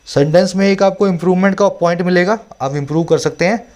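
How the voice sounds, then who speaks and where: A man working as an English tutor, explaining vocabulary and grammar to exam students in Hindi mixed with English terms. He reads English text out slowly and keeps checking whether the students follow him. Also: high-pitched, darkish tone. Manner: asks frequent rhetorical check-ins.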